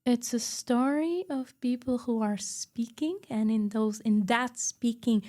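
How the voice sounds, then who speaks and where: Woman, from Macau, heritage researcher, mellow tone, reflective, unhurried, searching for words. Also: a little high. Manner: thoughtful, slow, searching for words. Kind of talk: reflective interview talk.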